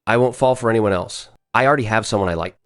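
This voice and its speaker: A man's voice: fairly low pitch, quick pace, no echo, studio quality, close to an everyday voice. A man playing a provocative, protective designer in an English-dubbed drama, teasing and assured. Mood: frank. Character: smooth-talking, provocative male designer, protective senior colleague.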